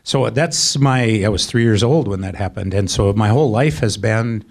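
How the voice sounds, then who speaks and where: A middle-aged man telling a personal story as a panel guest, soft-spoken and halting with many fillers. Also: on the low side.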